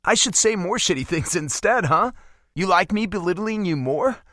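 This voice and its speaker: A man's voice: high-pitched, lively intonation, normal speed, sharp tone, no echo, clean studio sound, voice pushed up. A man voicing an agitated, defensive young man, the best friend in an audiobook story, with a raised, heated delivery.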